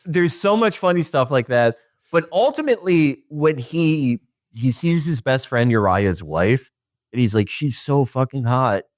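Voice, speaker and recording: Animated, profane male podcast storyteller. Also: mid-range voice, a little slow, dry recording, studio quality. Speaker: podcast co-host. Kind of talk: casual chat.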